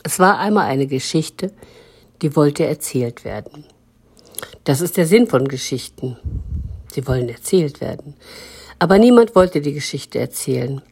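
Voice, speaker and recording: Husky woman telling a story. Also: sits low, expressive, measured pace, pauses often, a little mellow. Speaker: narrator. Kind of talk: storytelling for children.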